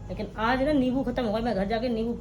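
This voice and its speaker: A woman's voice: on the high side, fast, darkish tone. Chatty young mother vlogging at home, noisy. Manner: chatty and homely, talks to viewers and coaxes her child. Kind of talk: casual daily vlog chat. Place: home indoors.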